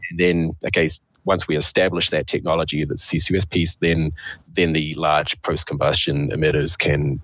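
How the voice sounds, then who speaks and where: A man with a croaky, froggy voice, hoarse from a cold, explaining things step by step in a conversational interview. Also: very deep voice, little pitch movement, moderate pace, fairly bright tone, dry recording. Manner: explains step by step, posing questions to himself. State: hoarse with a cold, clearing throat. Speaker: interview guest, official of a state energy authority.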